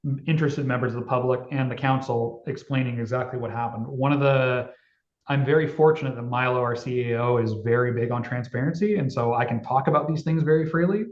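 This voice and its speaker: A man speaking at an ordinary middle pitch, answering panel questions in a candid, halting way. His voice comes through a video call with a roomy echo and dull, muffled audio. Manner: candid, halting, searching for words. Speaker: municipal IT panelist.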